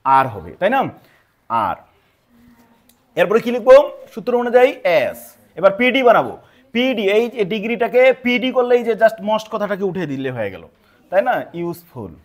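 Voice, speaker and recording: A male teacher giving a classroom grammar lesson, posing questions to the class and answering them himself, reading the board's examples slowly. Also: high-pitched, huge pitch swings.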